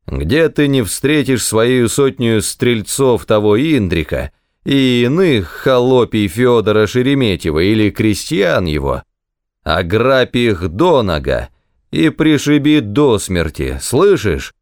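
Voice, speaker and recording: A man voicing a drunken, bullying male clerk who shouts coarse orders in an audiobook story. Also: mid-range voice, very animated, takes it slowly, dry recording, studio quality. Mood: drunken threats. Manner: shouting, coarse, slurred and bragging.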